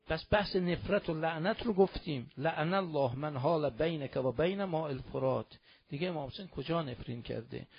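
Male preacher, high-pitched, lamenting mourning sermon, soft to shouting, muffled lo-fi audio. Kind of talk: mourning sermon, recounting with cries. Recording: dull lo-fi sound.

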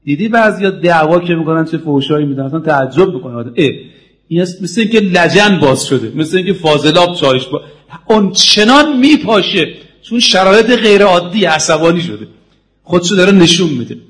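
Man preaching, high voice, emphatic, swinging pitch, slow for quotes. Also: animated, a bit bright. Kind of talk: sermon to a congregation.

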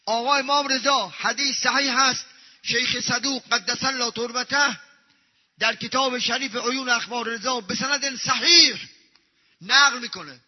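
Male preacher, very high voice, fiery pulpit delivery with rhetorical questions and chanted scripture; dull lo-fi recording with long reverb. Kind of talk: pulpit sermon.

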